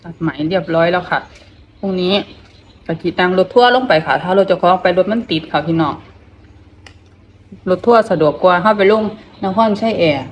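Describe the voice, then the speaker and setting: Between bites, a middle-aged Isan-accented woman vlogs in a low-ish voice, her speech halting, with phrases repeated and murmurs in between as she chats with her mouth full. The audio is poor, with slight background noise.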